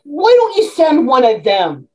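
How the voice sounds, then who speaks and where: A woman's voice: high-pitched, huge pitch swings, unhurried, heavily acted, low-quality recording. A woman playing a sly male convict underling with a wheedling, whiny manner.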